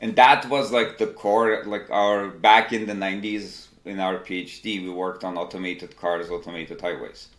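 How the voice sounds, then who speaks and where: Man from Turkey, fifties, low voice, measured and explanatory, echoey room. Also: steady tone, a bit bright. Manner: measured, explanatory, lists examples. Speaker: tech company CEO, guest. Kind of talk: interview answers, storytelling.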